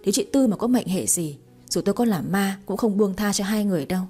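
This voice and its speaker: A woman voicing a defiant younger sister in an audio story, accusing her father in a fast, fierce outpouring. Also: medium pitch, animated, dark tone, husky, faint music behind. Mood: defiant fury.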